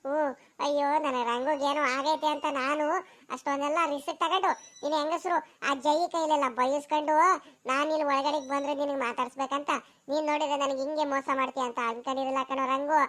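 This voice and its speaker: Woman doing a squeaky fast-talking cartoon village girl, scolds and sighs a lot. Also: steady tone, a bit bright. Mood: accusing. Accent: Karnataka rural Kannada. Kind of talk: cartoon voice acting.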